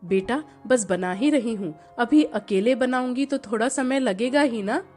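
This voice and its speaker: A woman voicing a patient, long-suffering mother-in-law with a weary, gentle manner, in a storybook narration. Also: a little high, measured pace, soft background music, voice pushed down, natural voice.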